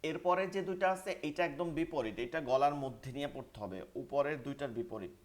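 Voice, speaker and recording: A man's voice: on the high side, moderate pace. A man with a Bangladeshi Bengali accent teaching Quran pronunciation in an online class, repeating sounds for students to follow. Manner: repetitive drilling, call-and-response recitation. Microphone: online class microphone.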